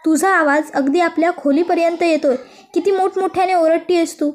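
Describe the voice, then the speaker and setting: An exasperated young husband telling off his wife, as a woman narrator puts him on. The voice stays high and rises further as he scolds. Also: steady tone, moderate pace. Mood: scolding.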